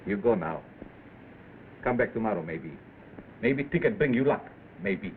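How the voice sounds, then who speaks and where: A very old, evasive shopkeeper speaks broken English, his pitch lively and jumpy. It is 1930s film acting in clipped phrases. The soundtrack is thin and noisy. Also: a little slow, phone-quality sound. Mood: stubbornly evasive. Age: older. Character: very old, evasive Chinese herb seller.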